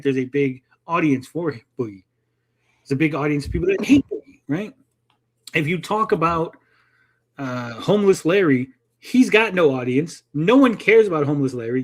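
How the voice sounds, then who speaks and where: A man hosting a live stream in casual chat, often tagging his points with "right?". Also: a little high. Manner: often tags statements with "right?".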